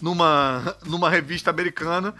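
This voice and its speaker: A man, an actor and voice actor, chatting casually and telling animated stories with quick asides. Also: on the high side, a little hiss or hum. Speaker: actor and voice actor guest. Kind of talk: casual conversation.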